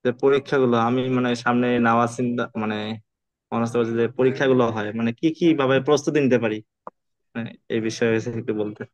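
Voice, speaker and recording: A man's voice: medium pitch, steady tone, fairly quick, no echo. A man, a student in an online class, asking questions hesitantly and searching for words.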